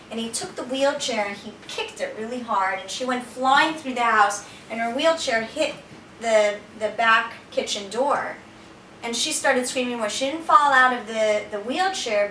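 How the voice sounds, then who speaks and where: A woman's voice: a little high, sharp tone, a little hiss or hum. A woman giving a personal testimony talk in a small shelter, telling her story earnestly and often restarting her sentences. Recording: echoey room from a distance.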